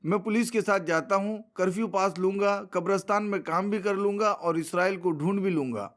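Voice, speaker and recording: A man's voice: sits high, fairly quick, fairly bright tone. A man voicing a young son who earnestly reassures his worried mother in a short story reading. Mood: reassuring.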